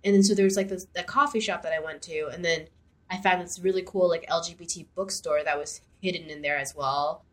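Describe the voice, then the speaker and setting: A woman's voice: on the low side, steady tone, fairly quick. A young woman co-hosting a podcast in casual chat, rambling with many fillers and restarts. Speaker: podcast co-host.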